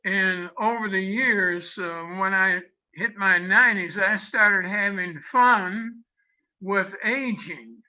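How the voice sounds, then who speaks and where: A man's voice: high voice, slow pace. A man in his nineties, a guest on a video call, cheerfully telling a casual story about his daily life. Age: 90s. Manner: chatty, cheerful anecdote-telling. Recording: dull lo-fi video call audio.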